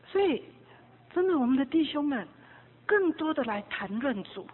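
A woman preaching a sermon, swinging between loud exhortation and hushed tones, telling stories with quoted dialogue. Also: sits high, very animated, normal speed. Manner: storytelling with quoted dialogue and small laughs. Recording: tinny phone-like sound.

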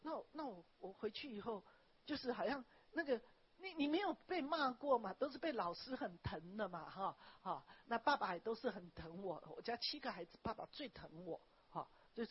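A woman pastor, preaching a sermon and telling personal stories in an animated way, often tagging her phrases with a small "ha". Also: a little high, moderate pace, husky. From Taiwan. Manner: animated storytelling, frequent "ha" tags, wraps points with "okay, like this". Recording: dull lo-fi recording.

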